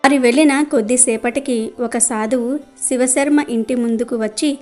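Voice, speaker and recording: A woman with a fairly high voice tells a devotional folk story in a steady, gentle manner. Soft music runs quietly underneath. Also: normal speed.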